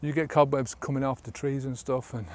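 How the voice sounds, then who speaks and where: A man's voice: medium pitch, level tone, brisk. A man of about fifty, a sobriety coach, talking casually in a vlog while walking an outdoor trail, rambling with many fillers, filmed on a handheld camera at arm's length.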